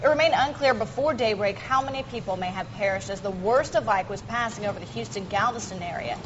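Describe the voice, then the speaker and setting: A woman's voice: medium pitch, fast. A woman with an American accent anchoring live television news. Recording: slightly dull broadcast, faint noise.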